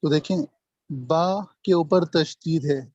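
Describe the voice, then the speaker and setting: A man teaching Arabic grammar in an online lesson, speaking slowly and repeating each term and example. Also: a little high, darkish tone, dry recording. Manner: slow, repeats terms and drills examples. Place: online video call. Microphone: computer mic on a video call. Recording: dull, dry video-call audio.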